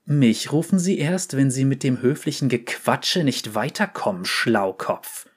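A man's voice: medium pitch, lively intonation, a little slow, breathy edge. A man voicing a brash, violent female enforcer who taunts and threatens in a mocking, cocky way. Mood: taunting. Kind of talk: dramatic story reading.

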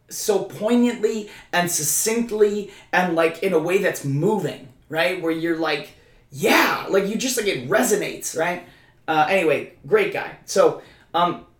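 A man co-hosting a podcast in casual chat, stammering through restarts and talking emphatically. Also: a little high. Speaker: podcast co-host. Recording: roomy echo.

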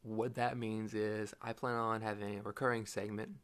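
A man's voice: on the low side, level tone, moderate pace, fairly bright tone, clear, resonant tone. A young man hosting his own podcast alone, talking in a rambling, joking way with a groggy morning voice. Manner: rambling, self-correcting, jokey. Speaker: podcast host. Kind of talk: casual solo podcast talk.

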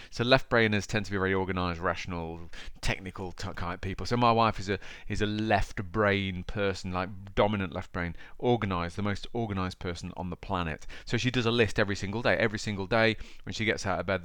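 East midlands bloke doing a chatty motivational podcast, lowish voice, really dry close sound. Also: male voice, a bit bright, clear, resonant tone, no echo. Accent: East Midlands English. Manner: informal, conversational, addressing the listener directly. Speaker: podcast host. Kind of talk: chatty motivational talk to the listener.

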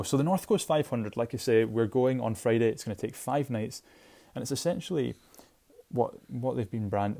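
Low, mellow man with a Shetland accent. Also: creaky. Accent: Shetland Scottish. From Shetland, Scotland. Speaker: podcast host. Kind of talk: casual solo podcast talk.

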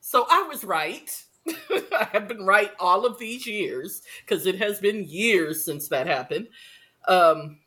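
An American woman hosting a podcast in casual chat, wry, unhurried and playfully teasing. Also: medium pitch, lively intonation, bright, forceful tone. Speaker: podcast host.

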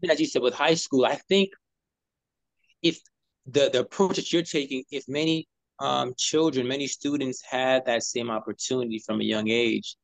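A man hosting an interview in a relaxed, conversational way, affirming his guest and often saying "you know". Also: mid-range voice, moderate pace, creaky, dry recording. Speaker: interview host. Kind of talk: casual interview talk.

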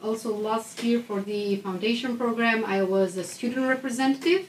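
A woman's voice: fairly high pitch, fairly even intonation, normal speed. Young Albanian-accented woman, echoey and distant. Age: young adult. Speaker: student election candidate, guest. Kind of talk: casual interview. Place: echoey room described as a recording studio. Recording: roomy echo, distant mic, faint noise.

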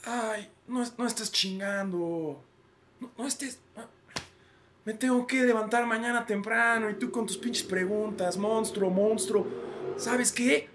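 A man's voice: high-pitched, steady tone, a little slow, fairly bright tone, slight background noise, voice pushed up. A man with a Mexican accent voicing a language academy as a tired man who brushes off every question in a whiny, exasperated voice. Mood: fed-up dismissive.

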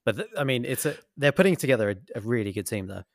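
A man's voice: mid-range voice, big pitch swings, very fast, vocal fry, no room sound, clean studio sound. A man co-hosting a football podcast, enthusiastic and rambling in his analysis. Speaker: podcast co-host. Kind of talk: casual football podcast chat.

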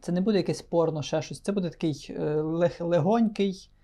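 A man's voice: fairly high pitch, brisk, dark tone. A man co-hosting a podcast, playful and rambling, often stumbling and restarting his words. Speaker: podcast co-host. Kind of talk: casual joking chat.

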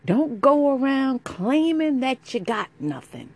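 A woman's voice: high-pitched, sing-song, a little mellow. A woman hosting a podcast, introducing it in a sultry, intimate voice. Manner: sultry, slow, intimate delivery. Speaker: podcast host. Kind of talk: scripted-sounding podcast intro.

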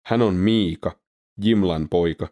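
Brooding ancient king, commanding and complaining, read by a male narrator, deep low voice. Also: mellow, lightly acted. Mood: resentful. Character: resentful male king of Israel.

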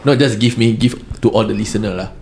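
A man's voice: fairly low pitch, fast, a little mellow, a little hiss or hum. A man with a Singaporean accent hosting a casual podcast in colloquial Singlish, agreeable and repeating his affirmations. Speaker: podcast host.

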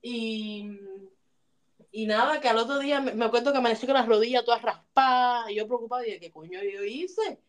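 Animated woman telling stories. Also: on the high side, a little fast. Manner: animated, mixes English phrases into Spanish. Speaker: podcast co-host. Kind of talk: casual storytelling chat.

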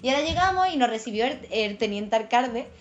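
A woman with a strong Andalusian accent tells stories in a casual chat, her voice sitting a little high. She is lively and laughs often. The recording is somewhat dull and lo-fi. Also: fast, faint music behind. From Andalusia, Málaga. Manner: lively storyteller, laughs often, says "tía" and "¿sabes?". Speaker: guest actress. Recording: dull lo-fi sound.

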